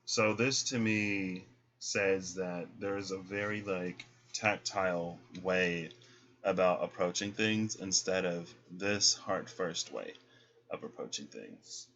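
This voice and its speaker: In a relaxed spiritual tarot reading, a man with a deep voice moves slowly through each card, frequently adding "right?" to his points. The recording sounds dull and lo-fi.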